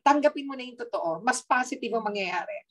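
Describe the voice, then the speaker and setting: A woman with a Filipino accent giving a lively, chatty health talk, mixing in teasing asides and frequent tag questions. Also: on the high side, fairly quick, poor audio. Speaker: health speaker.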